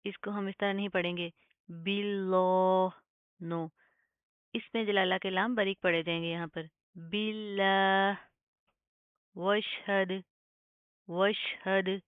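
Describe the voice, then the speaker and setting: A woman teaching Quran recitation rules, explaining step by step and reciting words slowly and drawn out. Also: fairly low pitch, fairly even intonation, no room sound. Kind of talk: tajweed lesson. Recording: dry, phone-like narrow sound.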